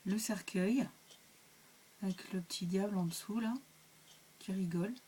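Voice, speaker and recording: A woman's voice: mid-range voice, fairly even intonation, a little slow, warm tone, breathy edge. A woman hosting her own cartomancy channel, reviewing a card deck in casual chat, hesitant with many fillers and restarts.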